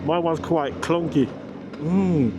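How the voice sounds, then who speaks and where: A British man's voice, on the high side and slow, comes through a lo-fi action camera mic as he rides a motorcycle and thinks out loud in slangy, excitable, spontaneous remarks. Wind buffets the mic, and the engine and traffic hum behind him.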